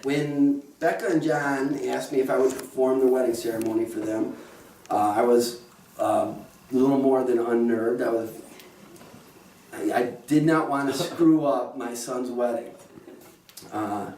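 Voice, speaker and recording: A man's voice: mid-range voice, fairly even intonation, unhurried, darkish tone, slight background noise. A middle-aged man, the groom's father, officiating a wedding and telling joking stories with frequent chuckles. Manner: joking, anecdotal, often chuckling. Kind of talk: wedding speech. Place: wedding venue. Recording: roomy and distant with faint ambience.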